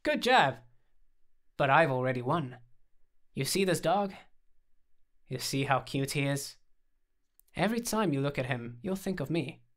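A man's voice: a little high, animated, measured pace, long pauses, a bit bright. A man voicing a playful young man who teases and coaxes with theatrical flair. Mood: teasing. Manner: teasing, theatrical, coaxing.

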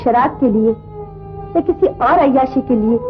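An actress playing a loving middle-aged mother who tenderly and gently scolds her children, in 1950s film acting. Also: sits high, a little slow, music in the background. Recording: tinny old film soundtrack with score.

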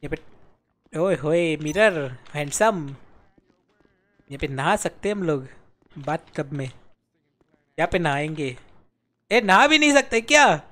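A man's voice: on the high side, animated, unhurried, pauses often, bright, forceful tone. A young man streaming a game, commenting live in a playful, jokey way with mock-dramatic pleading. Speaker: gaming streamer.

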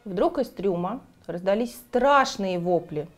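A woman reading a children's book aloud, in an expressive storytelling manner. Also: medium pitch, slow, soft background music. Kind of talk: storybook narration.

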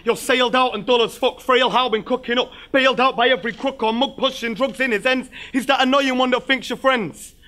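A man delivers a battle rap verse in a high, piercing register. His tone is bright and edgy, and his rhymed insults come out brash and rapid-fire. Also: steady tone. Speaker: battle rapper. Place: live battle venue.

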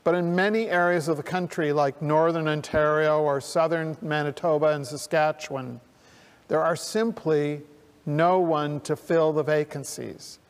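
Speaking into a pulpit microphone, an older male minister delivers a sermon slowly and earnestly, with deliberate pauses. His voice sits a little high for a man, with fairly even intonation and a clean tone. The church sanctuary gives it a long, ringing reverb.

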